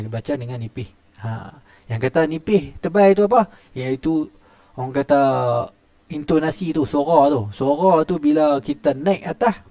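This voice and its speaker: In a dry recording, a middle-aged man with a Malaysian Malay accent speaks in a fairly high, slightly mellow voice. He teaches the rules of Quran recitation in a chatty classroom tajwid lesson, often opening lines with "ha" and demonstrating the sounds.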